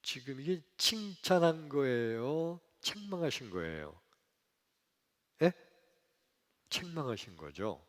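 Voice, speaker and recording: Animated Korean pastor in a reverberant church. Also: male voice, medium pitch, unhurried, hardly any pauses. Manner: animated storytelling, acting out voices, swings from loud to hushed. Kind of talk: sermon. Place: church sanctuary. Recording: long hall reverb.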